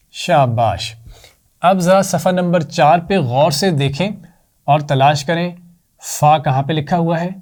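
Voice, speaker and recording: A male teacher with a Pakistani accent giving a children's lesson, slowly drawing out each sound and praising often. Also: on the high side, darkish tone. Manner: slow, drawn-out repetition with praise.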